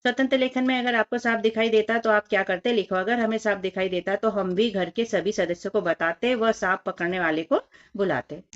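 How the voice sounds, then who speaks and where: A woman teacher working through a children's workbook, reading words slowly one by one and speaking directly to the children. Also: mid-range voice, fairly even intonation, lo-fi sound.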